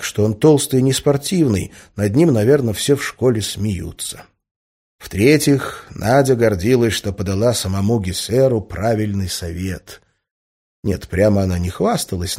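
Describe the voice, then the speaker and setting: A man narrating a first-person audiobook in a dry, wry, even manner. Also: lowish voice, breathy edge.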